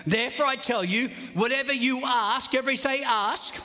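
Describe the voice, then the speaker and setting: A man preaching a sermon as a pastor, reading scripture with animated emphasis. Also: very high voice, fast talker. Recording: reverberant large hall.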